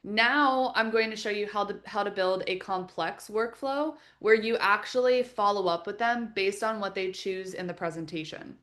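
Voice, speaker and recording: A woman leading a live webinar as a software trainer, explaining each step in a friendly, practical, instructional way. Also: mid-range voice, normal speed, few pauses. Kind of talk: live webinar screen-share tutorial.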